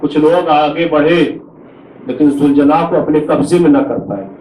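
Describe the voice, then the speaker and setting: High-voiced man preaching in an echoey hall. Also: steady tone, moderate pace, darkish tone. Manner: solemn, reverent preaching with Arabic honorifics. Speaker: Shia cleric preaching a majlis. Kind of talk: Urdu majlis sermon with lament recitation. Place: mourning hall. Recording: echoey hall from far off, faint noise.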